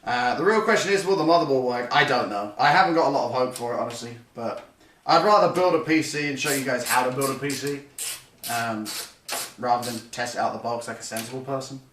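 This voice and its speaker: This is a relaxed live-stream chat in which a young man rambles through a computer build, correcting himself as he goes. He speaks fast in a medium-pitched, slightly bright voice. The recording is roomy and a touch distant, with faint noise underneath.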